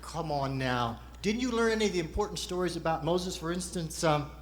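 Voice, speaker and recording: A man's voice: on the high side, a little fast, a little hiss or hum. A man performing as a ventriloquist's straight man, asking patient, explanatory questions in a conversational stage routine.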